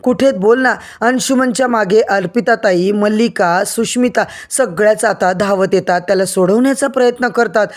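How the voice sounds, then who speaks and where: A woman's voice: medium pitch, moderate pace, few pauses. A woman narrating an episode recap of a TV serial, addressing viewers directly in a storytelling manner.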